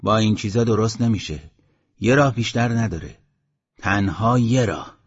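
A man's voice: fairly low pitch, breathy edge, dry recording. A man voicing a blunt, agitated young male villager, on a dull lo-fi audiobook recording.

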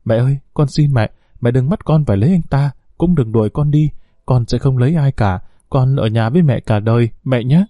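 A man's voice: mid-range voice, fairly quick, mellow, no echo, lo-fi sound, close to an everyday voice. A man voicing a young pregnant woman begging her mother. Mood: pleading. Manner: pleading. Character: young woman, pleading and stubborn.

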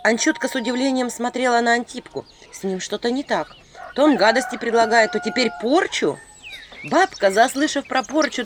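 A woman reading a storybook aloud in a lively, flustered first-person telling. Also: fairly high pitch, background noise. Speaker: audiobook reader. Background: background music.

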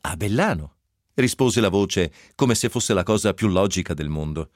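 A man giving an expressive reading of a novel excerpt on radio, with dry ironic asides. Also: low voice, moderate pace, dry recording. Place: radio studio.

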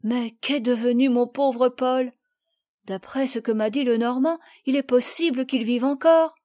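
A woman reading the lines of a gentle young girl in a storybook, quiet and plain. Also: fairly high pitch, steady tone, a little slow, close to an everyday voice.

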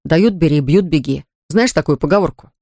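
A reader voicing a rough, outspoken boy in an audiobook, grumbling bluntly. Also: medium pitch, animated, brisk, dark tone, dry recording, studio quality. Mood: gruff. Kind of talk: audiobook character voice.

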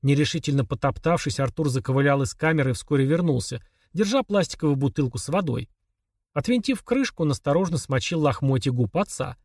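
Husky male audiobook narrator. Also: on the high side, lively intonation, a little fast, a little mellow, dry recording, studio quality. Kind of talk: scripted narration of a horror novel.

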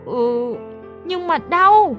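A woman voicing a hot-tempered, clumsy teenage boy in an audiobook story, bossy and shouting. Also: very high voice, animated, very slow, lo-fi sound, faint music behind, pitched above the performer's own voice, full character voice. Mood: yelling, pained. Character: brash clumsy teenage boy, loud and impatient. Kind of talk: audiobook character voice.

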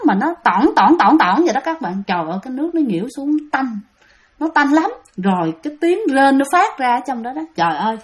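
A woman with a Southern Vietnamese accent telling a ghost story casually, chatting to her listeners as she goes. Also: high-pitched. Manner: chatty, keeps addressing listeners.

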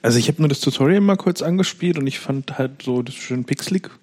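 A man talks casually on a podcast at an average pitch. He rambles, circles back and restarts his sentences often, in a loose, chatty way. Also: quick pace, a little mellow, breathy edge. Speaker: podcast co-host. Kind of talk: casual chat.

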